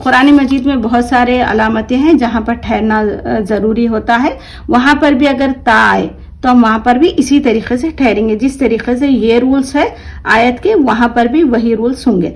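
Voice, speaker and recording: A female Quran reading teacher speaks at a moderate pace in a fairly high voice while explaining a lesson. She quizzes the learners, gives the answers herself, and draws out her example words, all on a rough recording.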